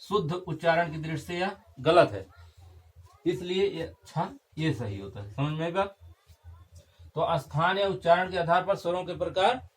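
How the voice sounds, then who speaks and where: A man's voice: on the high side, expressive, normal speed. A young man teaching a Hindi grammar lesson, repeating key terms and checking in with his class.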